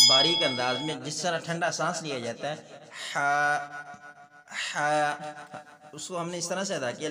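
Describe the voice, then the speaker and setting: A man's voice: a little high, pushed and bright. Man teaching recitation in an echoing hall. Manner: repeats each sound slowly and drawn out for the learner. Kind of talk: slow word-by-word recitation lesson.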